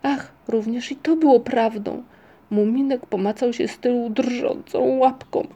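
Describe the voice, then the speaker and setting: Mellow-voiced woman reading a storybook. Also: a little high. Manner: expressive, measured reading. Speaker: narrator. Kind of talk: audiobook storytelling.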